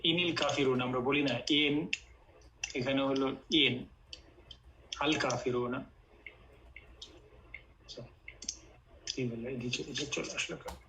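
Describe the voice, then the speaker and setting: Bright-voiced man teaching online. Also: mid-range voice, fairly even intonation, takes it slowly, pauses often, a little hiss or hum, poor audio. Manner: patient, explains step by step, mixes in English. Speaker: Quran Arabic teacher. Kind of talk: online class explanation.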